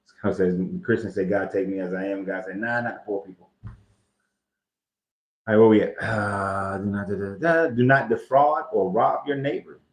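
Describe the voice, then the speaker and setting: A man's voice: lowish voice, normal speed, pauses often. A man hosting a casual commentary on scripture, loose and joking, with slang and cursing. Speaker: host. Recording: echoey, dull lo-fi room sound.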